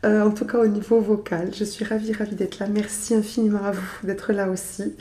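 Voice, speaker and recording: A woman, stuffy with a cold, reads tarot in a gentle, chatty way, full of small fillers. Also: mid-range voice, little pitch movement, brisk, echoey room, slight background noise. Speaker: tarot reader. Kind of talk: casual tarot reading to camera.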